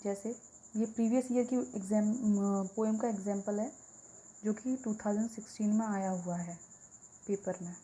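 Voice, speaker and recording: A woman teaching an exam-prep lesson, explaining step by step, repeating key words and reading English examples slowly. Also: mid-range voice, fairly even intonation, warm tone, poor audio.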